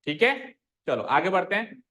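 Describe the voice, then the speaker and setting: A man's voice: high-pitched, big pitch swings, normal speed, pushed and bright. A male math teacher in a classroom, explaining a lesson and constantly questioning his students, making them repeat answers and mixing English terms into his speech.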